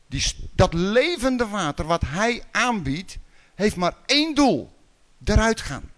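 A man from the Netherlands preaching a sermon in a conversational way, with rhetorical questions and sudden loud calls. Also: high voice, big pitch swings, takes it slowly.

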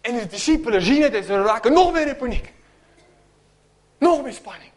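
A man preaching a sermon, telling a story with great animation and acting out its voices, sometimes dropping to a hush. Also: extremely high pitch, normal speed. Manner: animated storytelling, acts out voices, drops to near whisper.

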